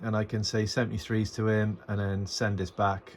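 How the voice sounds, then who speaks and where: Holding a phone to film his setup, a man makes an unscripted radio hobby tutorial, thinking aloud informally and hesitantly. He speaks at normal speed in a lowish voice with little pitch movement, and the amateur recording is noisy.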